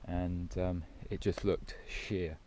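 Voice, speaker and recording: A man's voice: deep voice, fairly even intonation, takes it slowly, warm tone, slight background noise. A man out of breath, chatting casually as he films himself hiking down a steep mountain trail outdoors. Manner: chatty, breathless, loose and informal. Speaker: hiking vlogger. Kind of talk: casual hiking vlog commentary.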